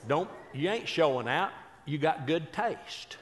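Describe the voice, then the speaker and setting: A man's voice: a little high, animated, a little slow. Folksy man in an echoing hall. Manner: folksy, chatty, teasing the crowd. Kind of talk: stand-up storytelling to a live audience.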